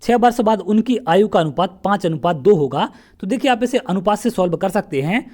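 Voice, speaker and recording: Exam-prep math teacher from central India, mid pitch, patient question-and-answer delivery. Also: lively intonation, fairly quick, darkish tone. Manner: asks questions then answers them, step by step. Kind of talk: exam-prep lesson solving past paper questions.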